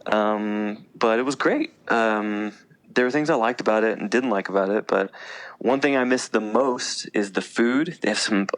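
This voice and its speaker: This podcast guest, a veteran and teacher in his thirties, has a lowish voice and talks at a normal speed over a rough recording. He spins stories in a relaxed, casual way, full of fillers and frequent laughter.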